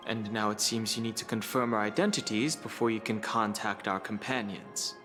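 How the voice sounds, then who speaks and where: A man playing a serious, reserved young companion in a video game, speaking in a measured, dry way. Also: fairly low pitch, over music, natural voice. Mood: serious, composed.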